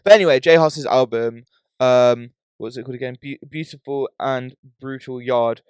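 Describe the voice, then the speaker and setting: A man's voice: mid-range voice, normal speed, darkish tone, clear, resonant tone, no echo. A British man hosting a podcast in casual, slangy chat, often tagging his points with "bro" or "yeah". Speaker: podcast host.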